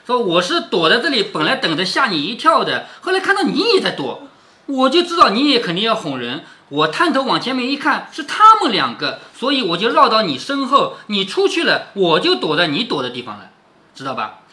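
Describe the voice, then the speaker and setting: A man's voice: high-pitched, wildly swooping pitch, a little fast, sharp tone. A middle-aged man reading a classic novel aloud to his daughter and retelling it in plain words, playful and often checking with her by asking "isn't it?". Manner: playful, laughs along with his child. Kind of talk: storytelling read-aloud with chatty commentary.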